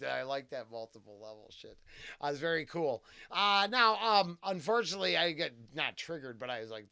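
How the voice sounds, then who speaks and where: A man's voice: medium pitch, gravelly, pushed and bright, clear, resonant tone, dry recording, clean studio sound. A man hosting a casual first-listen music reaction, talking in a rambling, tangential way with lots of fillers and restarts.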